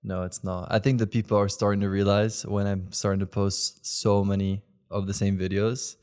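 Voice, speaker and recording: Low-voiced young man, rambling casually. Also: flat delivery, moderate pace, a little mellow, clear, resonant tone. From Belgium. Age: 20s. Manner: rambling, heavy use of "like" fillers. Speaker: guest, content creator. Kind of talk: casual interview chat.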